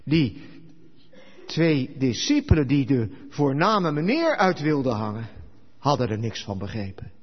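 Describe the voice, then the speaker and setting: A man preaching a sermon who tells the story with lively, animated delivery and acts out the quoted dialogue. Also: medium pitch, a little slow, slightly rough. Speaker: pastor. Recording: echoey hall, dull lo-fi sound.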